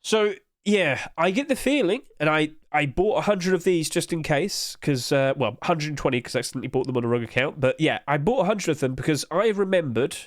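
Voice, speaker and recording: Brisk and expressive, with hardly any pauses, a man with a high-leaning voice and a stuffy nose talks in-game item prices over his screen. The sound is clean studio audio with no room sound, and his chatter is loose and full of fillers.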